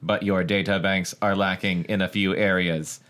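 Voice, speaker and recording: A man putting on a stiff robot voice for an android girl, sitting a bit below an average man's pitch. The words come out slow and mechanical, like a machine reading its own data banks. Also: little pitch movement, fairly bright tone. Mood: stiff robotic. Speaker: podcast co-host reading a book aloud.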